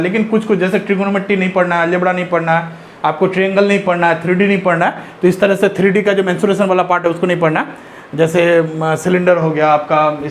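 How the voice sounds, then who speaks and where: Man, higher-pitched, teaching an exam-prep maths lesson. Faint background hiss. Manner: works through sums step by step, asks and answers himself.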